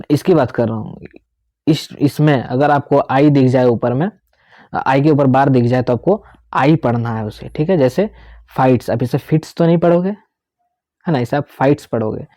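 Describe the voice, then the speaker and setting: A man's voice: medium pitch, mellow, dry recording, clean studio sound. A young man teaching English pronunciation in Hindi with some English, explaining step by step and often checking in with his students. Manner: explains step by step, repeats key words, checks in with "theek hai".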